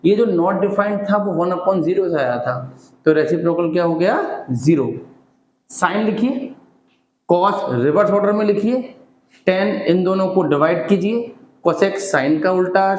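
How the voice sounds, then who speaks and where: Slow, explaining male maths teacher. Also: high voice, lively intonation, a little mellow, reverberant, slight background noise, rough recording. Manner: explains step by step, switching between Hindi and English terms. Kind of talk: classroom maths lecture.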